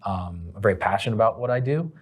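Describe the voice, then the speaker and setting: A man's voice: on the low side, expressive, quick pace, slightly rough. A man, a company president, answering interview questions in a casual, rambling way with many fillers.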